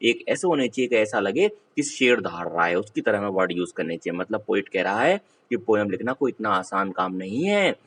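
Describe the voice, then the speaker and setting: A man teaching a school poetry lesson, reading English verse slowly and then explaining it in a relaxed explanatory way. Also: lowish voice, rough recording.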